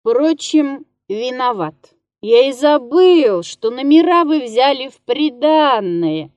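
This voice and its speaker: A woman voicing a drunk male musician who mocks and wheedles in a slow, slurred way. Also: sits high, animated, a little mellow, no room sound. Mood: mocking.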